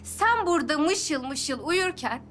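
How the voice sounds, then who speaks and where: A bitter young daughter. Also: female voice, high voice, lively intonation, unhurried, a little hiss or hum. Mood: tearful. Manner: shouting, bitter, tearful. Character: defiant young woman lashing out at her mother. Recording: TV drama with loud score. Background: music.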